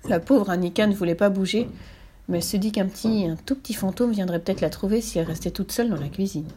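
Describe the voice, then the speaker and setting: A woman narrating a children's story aloud in an expressive, animated reading. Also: medium pitch, fast talker, a little hiss or hum.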